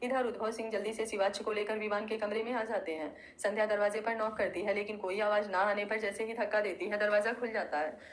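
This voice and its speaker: A woman narrating an audio love story in a smooth, expressive reading. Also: medium pitch, a little fast, hardly any pauses, poor audio.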